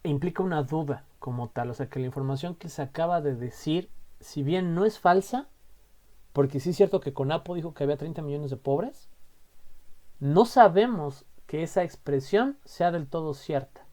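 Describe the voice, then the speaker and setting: Chatty Mexican male teacher, mellow voice. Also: fairly high pitch, animated, moderate pace. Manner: chatty, explains with lots of "o sea" and "¿no?" tags. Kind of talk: casual online grammar lesson.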